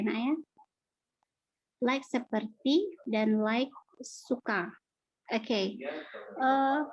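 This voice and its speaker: Indonesian-accented woman teacher, a bit high, chatty and explanatory, lo-fi class recording. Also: darkish tone, no echo. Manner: casual explaining with fillers, reading out student questions. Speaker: English teacher. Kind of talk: online class Q&A lesson.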